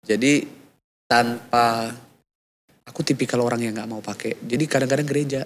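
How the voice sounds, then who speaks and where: A man's voice: medium pitch, normal speed. A man in his thirties telling a personal faith story in casual chat, acting out the voices of people in it. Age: 30s. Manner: lively storyteller, acts out quoted dialogue. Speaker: guest.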